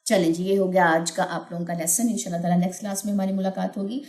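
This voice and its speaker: A woman teaching Quran recitation rules, explaining patiently and chanting verses slowly and melodically. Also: on the low side, level tone, a little mellow, roomy sound. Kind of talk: tajweed lesson with chanted recitation.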